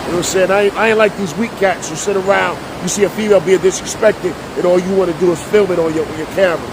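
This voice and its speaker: Middle-aged man, New street talk, higher voice, heavy background rumble. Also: fairly even intonation, fast. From Jersey City, New Jersey. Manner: streetwise slang, repeats himself for emphasis. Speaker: vlogger and preacher. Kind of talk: casual storytelling monologue. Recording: loud rumbling noise behind voice.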